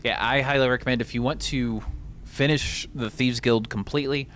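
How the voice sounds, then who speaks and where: A man's voice: mid-range voice, steady tone, normal speed, a bit bright, a little hiss or hum. A man giving let's play commentary with rambling, joking asides. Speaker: gamer.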